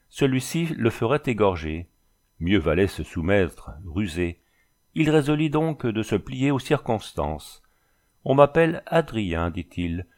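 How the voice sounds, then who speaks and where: A man narrating a classic novel. His voice sits low and the telling is measured and even. He keeps a steady storyteller's pace. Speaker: audiobook reader. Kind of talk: scripted literary narration.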